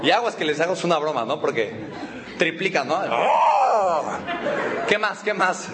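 A man's voice: on the high side, animated, a little fast, a crowd in the background. A man with a Mexican accent leading a motivational seminar, teasing the audience with rhetorical questions. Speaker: motivational speaker.

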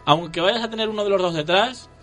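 A man in a casual football chat, opinionated and animated, speaking as a fan. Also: high-pitched, quick pace, faint music behind.

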